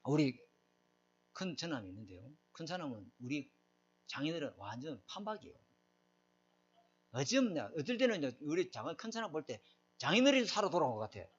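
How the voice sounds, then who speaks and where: A man's voice: a little high, very animated, fairly quick, pauses often, slight background noise. A middle-aged man preaching a sermon, emphatic and often asking his congregation questions. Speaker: pastor. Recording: dull lo-fi recording.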